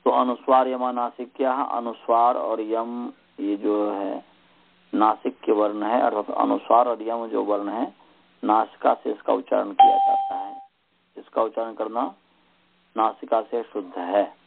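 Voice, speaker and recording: Male teacher for an online class, slow and patient, drills sounds over and over, tinny call audio. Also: fairly low pitch, very animated, creaky, breathy edge. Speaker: Sanskrit teacher. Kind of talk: slow online lesson with chanting. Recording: tinny phone-line audio.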